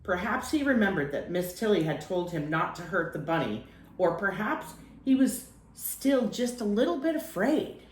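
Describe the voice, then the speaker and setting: Storytelling expressively, a woman with a mid-range voice reads a picture book aloud for children at a normal speed. The audio is poor and reverberant.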